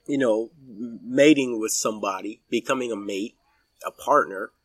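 A man in his forties giving his opinions in a casual podcast chat, halting with many fillers and restarts. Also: mid-range voice, breathy edge, dry recording, recorded from a distance. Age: 40s. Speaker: podcast guest.

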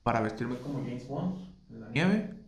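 A man's voice: mid-range voice, animated, normal speed. A young man, cracking cocky jokes in casual chat with friends. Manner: joking, cocky banter. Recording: echoey room with chatter behind.

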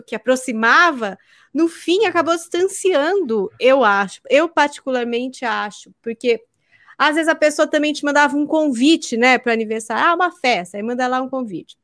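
A woman's voice: high-pitched, a bit bright, no echo, studio quality. A Brazilian woman co-hosting a podcast, chatting casually and acting out little quoted exchanges as she tells stories. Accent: Brazilian Portuguese. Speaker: podcast co-host, presenter.

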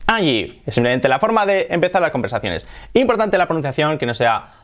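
A man's voice: a little high, sing-song, brisk, a bit bright. A man with a Spanish accent from Spain giving a casual lesson, chatty and laughing often, lifting his voice to model phrases. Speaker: English teacher.

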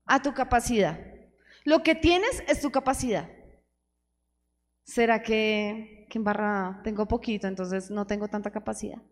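A woman's voice: mid-range voice, moderate pace. A woman preaching an earnest sermon, asking the congregation questions. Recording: hall reverb.

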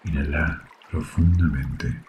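A man with a Rioplatense Spanish accent leads a guided sleep meditation in a soft, soothing, hushed delivery with long pauses. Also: very deep voice, steady tone, soft background music. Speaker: yoga nidra guide. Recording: faint water ambience behind voice. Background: trickling water sounds.

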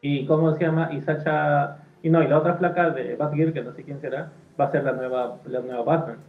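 A man's voice: a little high, steady tone, fairly quick, soft background music. A man chatting casually on a podcast, rambling and opinionated, often trailing off. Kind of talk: casual chat. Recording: echoey, phone-like sound.

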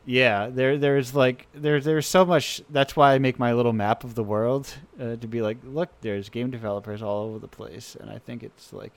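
A man's voice: medium pitch, steady tone, moderate pace, gravelly, few pauses. A man hosting a radio show, talking in an enthusiastic, rambling way with many restarts. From United States. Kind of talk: casual chat.

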